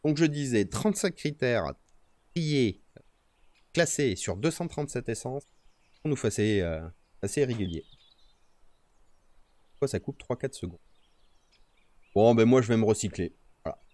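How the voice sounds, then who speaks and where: He has a mid-range, slightly mellow voice with lively intonation, speaking a little slowly and leaving long pauses. The man is streaming outdoors in nature, casually talking to himself and his viewers while tweaking his noise-gated streaming microphone.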